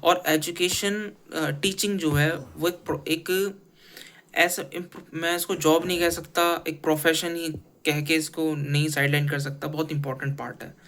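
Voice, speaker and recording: A man's voice: a little high, little pitch movement, moderate pace, fairly bright tone. A man from India giving an earnest, critical opinion piece in casual talk, restarting his phrases often. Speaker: commentator.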